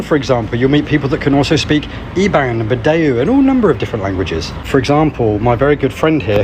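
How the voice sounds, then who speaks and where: A British man from the UK talking to camera as a vlogger, chatty and reflective. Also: mid-range voice. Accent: British English. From United Kingdom. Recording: outdoor street noise.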